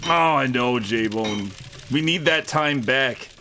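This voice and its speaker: A man streaming live, commenting animatedly on an educational game, laughing and shouting at characters. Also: mid-range voice, slow, soft background music, rough recording.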